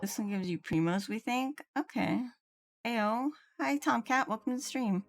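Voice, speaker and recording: A woman livestreamer with a gravelly voice, on the high side with lively intonation and a moderate pace, chats casually while gaming. She reads aloud as she plays and mutters to herself now and then, with video game music audible behind her voice.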